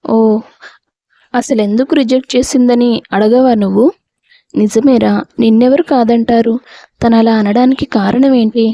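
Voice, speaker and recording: A woman's voice: fairly high pitch, steady tone, moderate pace, long pauses, mellow, no room sound. A woman voicing a lovesick young woman who hides her feelings and pleads earnestly for her friend. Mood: sad.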